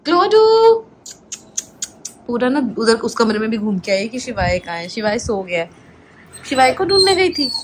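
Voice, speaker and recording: A woman with a somewhat high voice films a casual home vlog. She coos over her dog in doting baby talk, then explains things to her viewers in easy chatter. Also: lively intonation, fairly quick, a little hiss or hum. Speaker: vlogger and dog owner.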